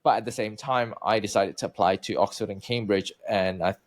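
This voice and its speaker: A man's voice: lowish voice, fairly even intonation, brisk. A man from Malaysia in his thirties, telling his own story as a researcher guest in an interview, chatty with many fillers and restarts.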